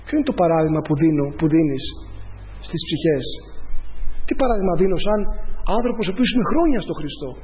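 High-voiced preacher in a reverberant church. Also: male voice, big pitch swings, pauses often, a crowd in the background. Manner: conversational preaching, addresses the congregation as brothers. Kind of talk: sermon. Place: church hall. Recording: dull, lo-fi church recording with long reverb.

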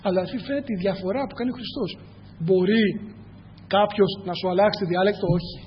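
A man preaching a sermon, speaking earnestly, often addressing his listeners as brothers and asking rhetorical questions. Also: sits high. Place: church hall. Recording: echoey hall, dull lo-fi, faint hum.

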